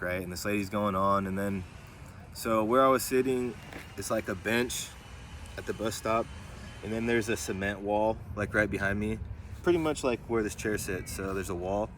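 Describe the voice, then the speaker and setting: Low-voiced man rambling through a testimony. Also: sharp tone, a little hiss or hum. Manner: rambling, filler-heavy, keeps asking "right?". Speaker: vlogger. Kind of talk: personal testimony storytelling.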